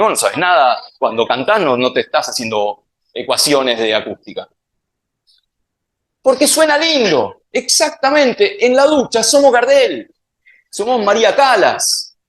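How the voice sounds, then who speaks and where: A man with an Argentine Spanish accent gives a playful public science talk, quizzing his audience with questions. His voice is fairly high in pitch and a bit bright.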